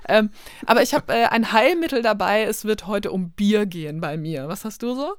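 A woman's voice: medium pitch, expressive, moderate pace, dry recording, clean studio sound. A woman co-hosting a science podcast in casual, playful banter, her voice scratchy from a slight cold. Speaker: podcast co-host.

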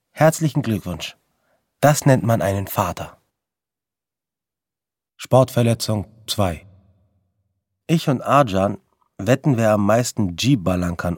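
A man's voice: fairly low pitch, a little mellow, husky, no room sound, clean studio sound. A young man telling a string of raw, slang-heavy stories in short episodes, blunt and direct. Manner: blunt, street-slang narration with quoted outbursts. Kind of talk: storytelling monologue in vignettes.

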